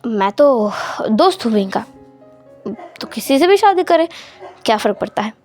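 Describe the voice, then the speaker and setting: A woman voicing an earnest, apologetic young man in a fanfiction story, soft-spoken and hesitant. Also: a little high, sing-song, normal speed, soft background music, pitched below the performer's own voice.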